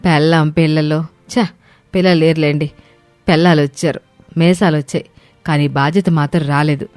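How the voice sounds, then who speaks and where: A woman voicing an older village mother-in-law who scolds her idle sons in an animated story. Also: sits low, dry recording, soft background music, lightly acted. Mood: scolding. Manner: scolding, quick.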